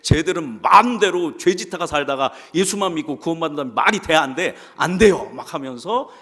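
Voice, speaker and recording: A man's voice: fairly high pitch, animated, brisk, fairly bright tone, breathy edge. A male pastor preaching a sermon, who keeps asking the congregation questions and answering them himself. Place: church sanctuary. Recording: long reverb of a church hall.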